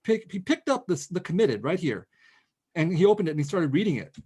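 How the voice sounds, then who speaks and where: A middle-aged man talking with animated restarts, as an author in a casual conversation over a video call. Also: sits high, breathy edge. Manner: animated, quick, with many restarts. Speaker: author guest.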